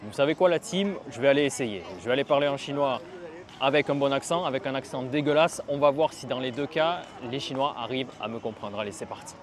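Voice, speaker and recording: A man's voice: medium pitch, quick pace, a crowd in the background. A man talking casually and bluntly to camera outdoors on a city street, teaching Mandarin learners, with some swearing. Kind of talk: casual vlog talk to camera. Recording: street traffic noise behind.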